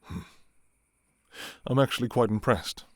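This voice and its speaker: A man playing a courtly, restrained vampire king in an intimate ASMR role-play, speaking formally and softly with some hesitation. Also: medium pitch, a little slow, no room sound, studio quality, close to an everyday voice. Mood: contrite, courtly. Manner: formal, archaic, hesitant, soft-spoken. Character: courtly adult male vampire king, restrained, yearning for his enemy.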